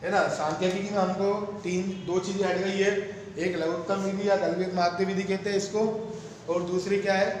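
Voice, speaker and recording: A man's voice: high-pitched, flat delivery, fairly quick, slight background noise. A male math teacher giving a classroom lecture, asking the students questions and answering them himself. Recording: very echoey room with long reverb.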